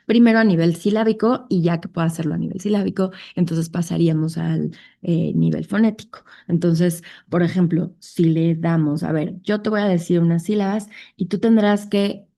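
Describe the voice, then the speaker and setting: A woman with a Mexican Spanish accent giving a conference lecture, explaining step by step and often pausing on fillers and checking with a tag question. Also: on the low side, dark tone. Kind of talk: conference talk.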